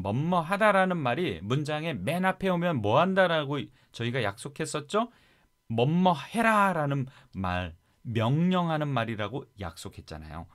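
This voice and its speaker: A man with a Korean accent teaching English Bible verses in a lively classroom style, coaxing listeners to repeat after him. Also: mid-range voice.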